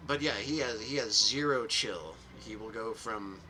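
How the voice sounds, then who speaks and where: A man's voice: fairly low pitch, a little slow, bright, forceful tone, slight background noise, rough recording. A young man streaming a game, commenting in a rambling, self-mocking, casual way. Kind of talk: gameplay commentary.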